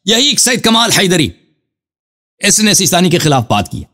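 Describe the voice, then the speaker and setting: A man gives a fervent religious talk in a fairly high voice. His pitch leaps up and down as he drives each point home. He repeats himself for emphasis and calls out to his listeners as brothers. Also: big pitch swings, bright, forceful tone. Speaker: Shia cleric answering a question.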